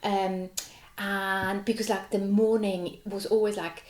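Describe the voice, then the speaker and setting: Speaking slowly in a mid-range voice with little pitch movement, a contemporary dancer from Switzerland talks in a relaxed interview. She's in her forties, German is her native tongue, and she's lively, laughing and using plenty of "like." The recording is rough and sounds roomy.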